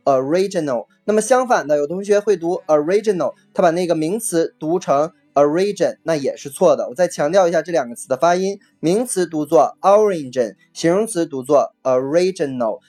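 A vocabulary teacher giving a recorded lesson, patiently explaining, repeating each key word twice and spelling it out slowly letter by letter. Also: mid-range voice, a little mellow. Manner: spells words letter by letter, slow and deliberate.

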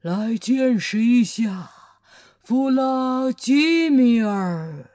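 A woman voicing a slow, hissing male monster with tentacles, in a storybook reading. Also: fairly high pitch, expressive, warm tone. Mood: sly.

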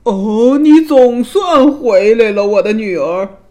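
A woman voicing a loud, greedy and cruel old king who bellows his words. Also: huge pitch swings, very slow, heavily acted. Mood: bellowing. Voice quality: booming and shouting. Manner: bellowing with harsh laughs.

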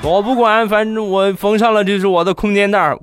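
A man's voice: high-pitched, fairly even intonation, fairly quick, loud music behind the voice, voice pushed up, close to an everyday voice. A man voicing a stubborn young boy who whines and protests. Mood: whiny. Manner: whining, protesting.

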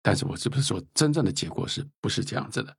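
A man in his fifties with a deeply husky, breathy voice that swings widely in pitch as he lectures earnestly. He sits at the lower end of the male range and sounds close and dry. He talks as the guest author in a reflective interview. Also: lively intonation, very fast, no echo. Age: 50s.

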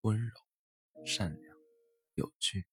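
A man's voice: on the low side, slow pace, faint music behind, pitched above the performer's own voice. A man voicing a sweet, playful young female bunny in a children's storybook, talking in a bubbly, teasing way.

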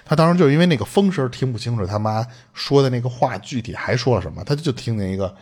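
A man's voice: mid-range voice, quick pace, slightly rough. A man, hosting a podcast and retelling a listener's eerie story in casual chat, acting out quoted lines and swearing. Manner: animated, swearing, acts out quoted speech.

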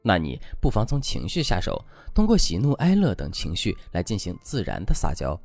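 A man's voice: deep voice, wildly swooping pitch, moderate pace, vocal fry, darkish tone, no echo, soft background music. A man giving dating advice as a scripted, instructive lesson.

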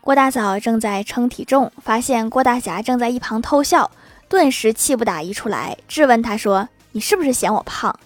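A woman with a somewhat high voice narrates a string of short comic anecdotes. She reads them in a storytelling way and chuckles softly when a punchline lands. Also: moderate pace, faint music behind. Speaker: joke narrator.

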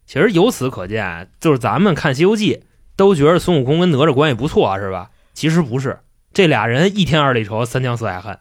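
A man hosting a casual podcast, retelling a story in a slangy, animated way with casual swearing. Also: mid-range voice, a little fast, dry recording, studio quality. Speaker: podcast host.

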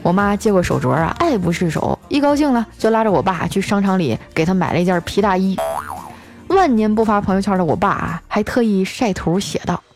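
A woman's voice: medium pitch, fairly quick. Chatty woman storyteller. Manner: lively, chatty, acts out quoted voices. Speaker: podcast host. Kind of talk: comic storytelling. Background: soft background music.

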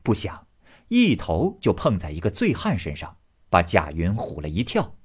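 Husky deep male storyteller. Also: moderate pace. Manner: storytelling, expressive. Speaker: narrator. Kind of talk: classic novel audiobook narration.

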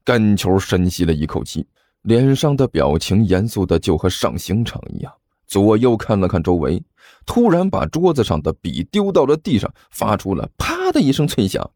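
Expressive male comic-novel narrator. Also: fairly low pitch, normal speed, dry recording, clean studio sound. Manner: playful, expressive.

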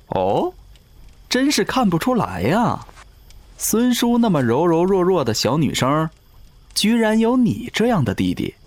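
A man's voice: a little high, no room sound, heavily acted. A man voicing a sneering undying seducer. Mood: taunting. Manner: sneering, mocking, slow and drawn out. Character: ageless male river-god servant, cruel gloating seducer. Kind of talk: audio drama acting.

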